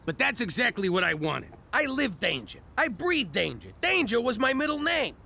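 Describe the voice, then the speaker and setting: Gravelly, brash New York cartoon mobster. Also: male voice, extremely high pitch, sing-song, normal speed, very noisy, heavily acted. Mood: cocky. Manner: wisecracking tough-guy bluster. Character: brash, blustering male ex-mobster, middle-aged, in a cartoon.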